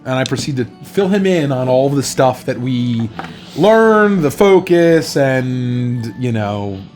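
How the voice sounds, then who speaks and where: A man playing in a tabletop role-playing game, speaking in deliberate role-play and recap. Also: medium pitch, animated, darkish tone, faint music behind.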